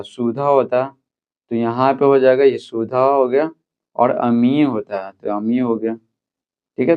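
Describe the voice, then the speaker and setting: Guy explaining a school lesson step by step, tinny phone-like audio. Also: mid-range voice. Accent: Hindi. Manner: repeats "theek hai" often, explains step by step. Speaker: teacher.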